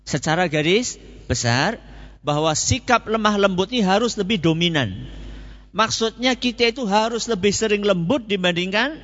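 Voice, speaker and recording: Male Islamic preacher, Javanese accent, higher-pitched storytelling sermon, muffled hall recording. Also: a bit bright. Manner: storytelling with Javanese words and rhetorical questions.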